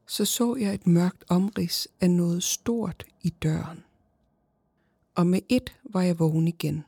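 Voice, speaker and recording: Hushed, husky woman reading horror. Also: fairly low pitch, dry recording. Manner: slow, hushed, often whispered. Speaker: horror story narrator. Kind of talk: scripted horror narration.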